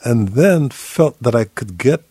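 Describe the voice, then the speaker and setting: An older man from Guyana hosts a radio talk show, speaking in a measured, deliberate way. His voice is dark and mellow, recorded close and dry with no room sound. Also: mid-range voice, expressive, slightly rough, dry recording.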